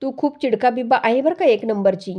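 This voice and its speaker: A woman's voice: on the high side, a little fast, dark tone, natural voice. A woman reading a teasing mother. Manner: teasing, affectionate, read out plainly. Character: teasing mother-in-law, matchmaking and amused.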